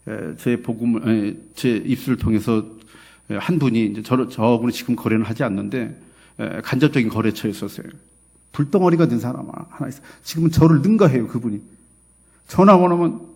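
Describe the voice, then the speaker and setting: A middle-aged man preaching a sermon as a pastor, telling stories with quoted dialogue and swinging between loud and soft. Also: fairly high pitch, gravelly, slightly rough. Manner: storytelling with quoted dialogue, emphatic and swinging in loudness. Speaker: associate pastor.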